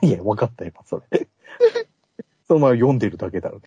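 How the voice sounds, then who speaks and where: A man's voice: on the low side, animated, a little fast, warm tone, slightly rough, dry recording. A man co-hosting a casual chat podcast, bantering bluntly and teasing his partner. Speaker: podcast co-host. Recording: dull, dry podcast audio.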